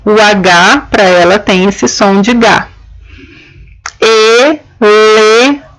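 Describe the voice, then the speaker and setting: A woman gives a lesson to her audience. Her pitch sits in an ordinary middle range. She explains things patiently, one step at a time, and often checks that her listeners are following. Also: slow pace, fairly bright tone, rough recording. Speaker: teacher. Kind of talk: explanatory lesson on children's writing.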